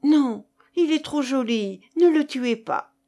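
A woman's voice: high-pitched, expressive, slow pace, mellow, full character voice. A woman reading aloud, voicing a young woman who is spirited yet hesitant, with a raised voice. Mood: pleading. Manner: lightly defiant.

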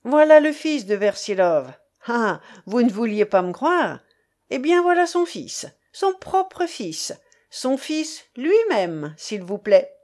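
A woman's voice: medium pitch, measured pace, few pauses, lightly acted. A woman reading a storybook part of a pushy, mocking man who keeps repeating himself. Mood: insistent.

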